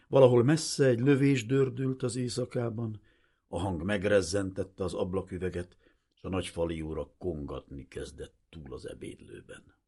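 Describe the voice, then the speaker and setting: A man narrating a literary audiobook in a measured, expressive storytelling manner. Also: sits low, husky.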